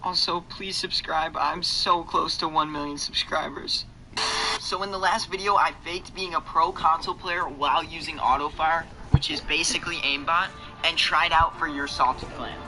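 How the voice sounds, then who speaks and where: A man's voice: on the high side, steady tone, moderate pace, over loud music. A young man narrating his gaming video in a hyped, promotional way. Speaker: gaming YouTuber. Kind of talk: casual gaming vlog narration. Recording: noisy game audio behind.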